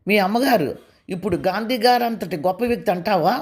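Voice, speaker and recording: A woman voicing a sharp-tongued, proud young wife who talks in a raised, cutting way. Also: mid-range voice, brisk, pitched above the performer's own voice, natural voice. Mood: scornful.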